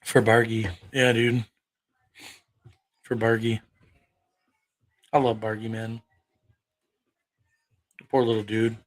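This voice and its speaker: A man in his thirties, an online preacher, answers chat on a livestream, arguing combatively and profanely and firing off rhetorical questions. His voice sits lowish with a level tone, and he speaks slowly with long pauses. The recording is rough.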